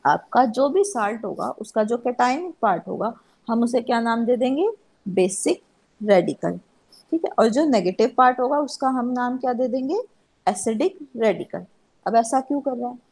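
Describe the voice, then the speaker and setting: A woman teaching chemistry to a class, asking herself questions and answering them. Her voice sits a little high, with a husky edge and a gravelly fry. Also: animated, normal speed, darkish tone, low-quality recording. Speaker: chemistry lecturer. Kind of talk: classroom lecture.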